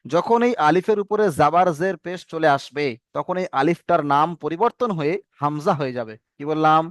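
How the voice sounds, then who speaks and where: A man's voice: a little high, fairly quick, dry recording, studio quality. A man with a Bengali accent teaching an online class over a video call, patient, repeating drills and asking the class to answer together. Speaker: Quran reading teacher. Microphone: video call microphone.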